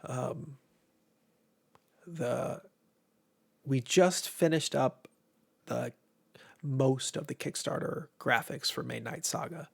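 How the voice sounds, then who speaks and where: An American man from Ohio hosts a game publisher's casual livestream, speaking slowly with long pauses in a mid-range, creaky, slightly rough voice. He rambles informally and mildly profanely, sounding congested with allergies as his voice tires.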